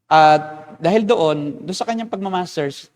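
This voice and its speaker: A man's voice: high voice, normal speed. A man, a pastor, explaining at length in a casual discussion and acting out quoted remarks. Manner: explanatory, lecturing, acts out quotes.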